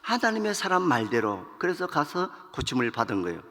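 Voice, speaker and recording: A male pastor preaching in an animated, storytelling way and acting out the characters' lines. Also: mid-range voice, fairly quick, in a large hall. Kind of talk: storytelling sermon.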